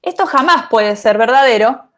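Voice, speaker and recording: A woman lecturing on programming online, her voice sitting a little high for a woman. She talks loosely and thinks aloud, scattering fillers as she explains. It sounds like a casual remote class over a computer mic. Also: expressive, moderate pace.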